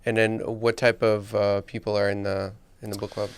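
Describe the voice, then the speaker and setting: A man's voice: fairly low pitch, little pitch movement, moderate pace, smooth. A man from Belarus hosting a podcast, asking questions in casual conversation. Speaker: podcast host interviewing. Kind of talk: casual interview chat.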